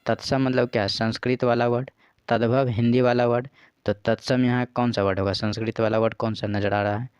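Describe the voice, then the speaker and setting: A man's voice: mid-range voice, level tone, a little fast, a little mellow, smooth, dry recording, muffled recording. A man patiently explaining practice exam questions as a teacher. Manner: patient, repeats "ठीक है" and "देखिए".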